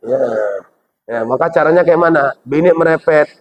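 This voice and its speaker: A man's voice: a little high, moderate pace. A man preaching a humorous sermon with a Medan Indonesian accent, joking and acting out quoted voices. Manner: jokey, playful, acts out quoted voices. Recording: dull lo-fi recording.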